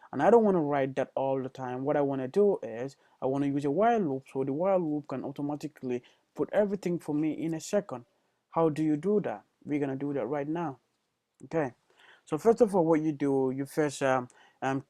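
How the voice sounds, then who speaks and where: A man's voice: mid-range voice, dark tone, no echo. A young man giving a casual programming tutorial over a screencast, hesitant, with many fillers and self-corrections.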